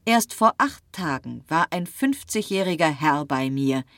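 A woman reading a story aloud, voicing a brisk, insistent male doctor reassuring his friend. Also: deep voice, animated, a bit bright, dry recording, clean studio sound, full character voice. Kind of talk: audiobook reading.

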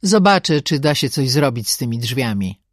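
A woman's voice: very deep voice, big pitch swings, normal speed, no room sound, clean studio sound, full character voice. A woman voicing a meek, clumsy man in an audiobook, polite and timid. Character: meek clumsy man, eager yet helpless. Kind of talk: audiobook character voice.

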